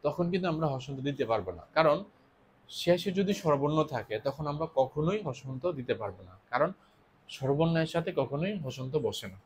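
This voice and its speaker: A man's voice: a little high, expressive, a little fast, a little hiss or hum. Man teaching an exam-prep lesson. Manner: explains step by step, repeats key points, asks questions then answers them.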